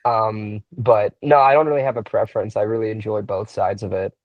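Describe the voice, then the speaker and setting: Young man, wrestler guest, low voice, muffled dry call audio, easygoing and halting. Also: no echo. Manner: relaxed, thinks aloud with many fillers and restarts. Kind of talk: casual interview answers.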